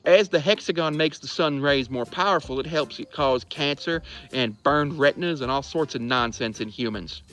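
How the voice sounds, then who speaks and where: A man's voice: medium pitch, normal speed, hardly any pauses, fairly bright tone, faint music behind, poor audio. A man delivering an emphatic monologue of absurd claims in an insistent way.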